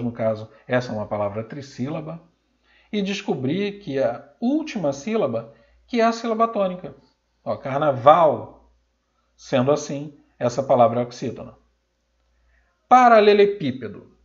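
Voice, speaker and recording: A Brazilian Portuguese man teaching a recorded grammar lesson, sounding out example words slowly and loudly. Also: fairly high pitch, dull audio.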